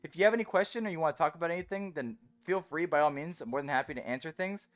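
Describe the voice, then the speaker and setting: A man's voice: fairly high pitch, very fast. A man chatting casually as a livestreamer, rambling on and on like a self-described yapper, with music behind him.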